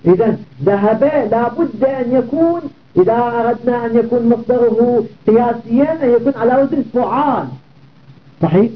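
Over tinny audio that sounds like a phone, a male Arabic grammar teacher runs through word patterns and throws rhetorical questions at the class. He speaks briskly in a very high-pitched voice.

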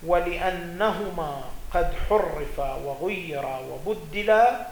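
A man's voice: fairly high pitch, takes it slowly, slight background noise. A male religious scholar gives a seminary lecture, reading quoted legal texts aloud and then explaining them. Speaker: religious scholar teaching jurisprudence. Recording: echoey room with faint ambience.

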